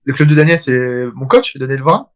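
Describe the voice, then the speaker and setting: A man's voice: medium pitch, animated, brisk. A man who is a fighter appearing as a guest on a casual live stream, stammering a little and making jokes. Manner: hesitant, stammering, joking.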